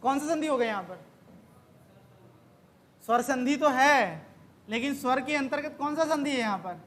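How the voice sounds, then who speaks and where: A woman's voice: sits high, expressive, normal speed, a bit bright. A woman teaching an exam-prep grammar lesson, quizzing the class with questions that she then answers herself.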